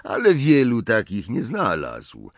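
A man's voice: on the low side, wildly swooping pitch, takes it slowly, creaky, no echo, exaggerated voice. A man voicing a sullen, aloof teenage boy in an audiobook, speaking in a cold, offhand tone.

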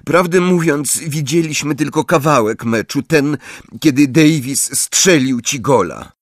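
A man's voice: a little high, animated, measured pace, no echo, studio quality, voice pushed up. A man voicing a fretful, insistent schoolgirl. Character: earnest teenage schoolgirl, know-it-all, fretful. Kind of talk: audiobook character voice.

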